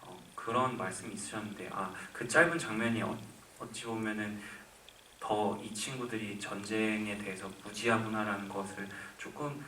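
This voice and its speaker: At a live Q&A in a cinema auditorium, a twenty-something actor gives an earnest answer, thinking out loud and restarting often. His fairly low voice sounds bright and forceful, captured from far away in echoey acoustics with slight background noise.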